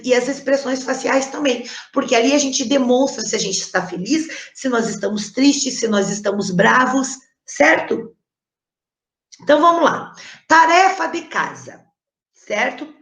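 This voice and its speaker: A woman teacher with a fairly high voice explains a lesson patiently, pausing often to check that her students follow. Her voice carries a roomy echo. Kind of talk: recorded online class explanation.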